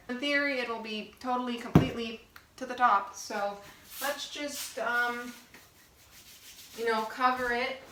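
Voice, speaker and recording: A woman's voice: on the high side, echoey room, background noise. A woman chatting casually on a vlog while she bakes at home, exasperated and self-mocking, swearing now and then. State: out of breath. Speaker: vlogger. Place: home kitchen.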